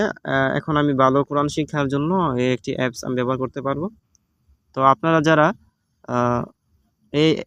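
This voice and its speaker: A man's voice: mid-range voice, a bit bright, clean tone, no room sound. A man with a Bangladeshi Bengali accent giving a casual step-by-step app tutorial, patient and repetitive, with many fillers. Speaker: tutorial host. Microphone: phone recording.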